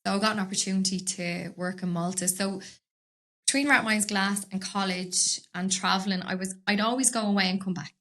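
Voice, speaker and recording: A woman's voice: medium pitch, fairly even intonation, a little fast, a bit bright. A woman with a Dublin accent, a podcast guest chatting casually in a studio, rambling from story to story and laughing often. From Dublin, Ireland. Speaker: podcast guest, business owner. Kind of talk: casual interview chat.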